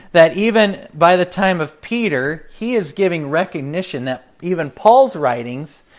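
A pastor giving a catechism teaching talk, unhurried, with frequent fillers and asides to his listeners. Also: on the high side.

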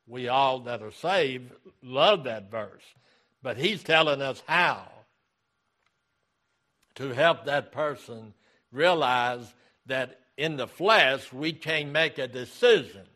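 A male pastor delivering a sermon at an unhurried, measured pace, his voice sitting at an ordinary middle pitch. He reads scripture and leans on repeated phrases to drive each point home. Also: pushed and bright. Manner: deliberate preaching, repeating key phrases.

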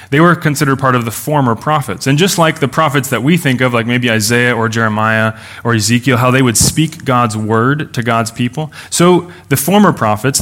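A man's voice: mid-range voice, a bit bright. A male pastor giving a sermon, leading a prayer and explaining scripture in an earnest, teaching manner. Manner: earnest, explanatory, often slowing for emphasis.

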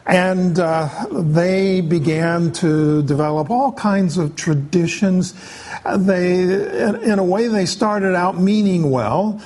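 A man preaching a sermon, explaining scripture in an unhurried way with frequent pauses. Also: sits high, a little mellow. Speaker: pastor.

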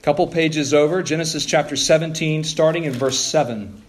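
A man's voice: fairly high pitch, moderate pace. A man preaching into a pulpit microphone. He walks the congregation through scripture passages, reads them aloud, and puts rhetorical questions to his listeners. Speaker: pastor. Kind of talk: expository sermon.

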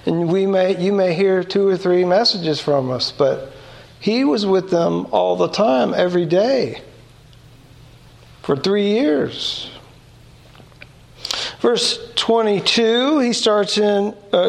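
A man's voice: sits high, creaky. A man, preaching a conversational sermon, reading scripture aloud and asking rhetorical questions. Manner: reads scripture aloud between comments. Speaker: pastor.

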